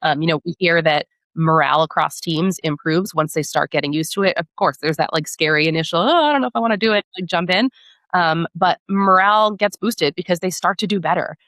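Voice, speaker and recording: Her voice leans low and carries a fairly bright tone, moving a little fast over a dry recording. As a product marketing director guesting on a podcast, she explains things conversationally and often checks in with tag questions.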